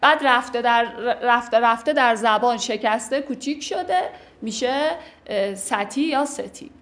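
A woman recites classical verse, then explains it line by line in lively, everyday speech. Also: a little high. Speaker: teacher explaining classical poetry.

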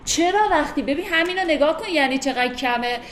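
A woman explaining classical poetry in a casual, lively lecture, speeding up into wry asides. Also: sits high. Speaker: teacher explaining Persian poetry. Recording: echoey room, faint ambient noise.

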